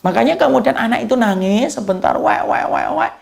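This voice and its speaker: A male preacher delivers a lively sermon, his voice rough and gravelly. He keeps asking the congregation questions and answers them himself, now and then slipping into short, humorous quoted voices. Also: very high-pitched, fairly quick. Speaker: Islamic preacher.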